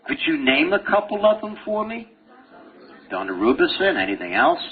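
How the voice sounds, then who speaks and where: A man's voice: high voice, wildly swooping pitch, normal speed. A man giving a medical lecture to a class, joking and firing questions at the students. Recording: tinny phone-like lecture recording.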